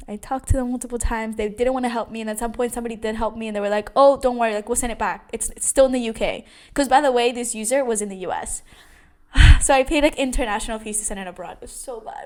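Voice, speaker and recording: A young woman talks straight to her audience in a loose vlog storytelling style. Her voice sits a little high, and her chatty delivery is full of fillers and restarts. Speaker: vlogger. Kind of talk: casual storytelling.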